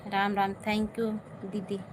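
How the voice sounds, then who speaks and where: A woman's voice: mid-range voice, monotone, slow, background noise. A woman hosting a casual live stream, reading viewers' comments aloud and answering them, still recovering from an illness.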